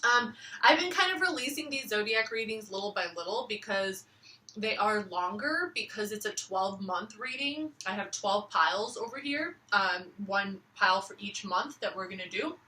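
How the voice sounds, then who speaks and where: Bright-voiced woman tarot reader, echoey room. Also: medium pitch, moderate pace, distant mic. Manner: rambling, relaxed, many fillers. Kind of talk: casual chat. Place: living room floor at home.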